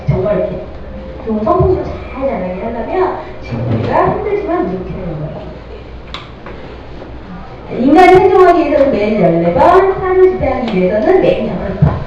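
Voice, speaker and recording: Middle-aged woman, parenting lecture, lively rising and falling voice, distant dull lo-fi mic, echoey noisy hall. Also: fairly high pitch. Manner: lively, addresses audience with questions.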